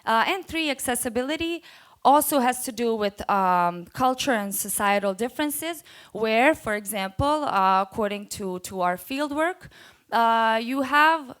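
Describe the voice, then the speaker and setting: In a conference room, a woman from Bosnia and Herzegovina speaks English as a non-native speaker with a Bosnian accent. She's a panelist at a conference workshop, giving an earnest, unscripted talk full of filler pauses. Her voice is a little high, animated, and a bit bright.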